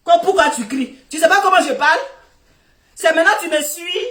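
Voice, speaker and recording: High-voiced woman ranting on a live stream. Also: a little fast, recorded from a distance. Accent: West African French. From West Africa. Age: middle-aged. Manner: loud, laughing, scolding. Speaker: Facebook live host. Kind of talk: Facebook live rant. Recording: echoey room, off-mic.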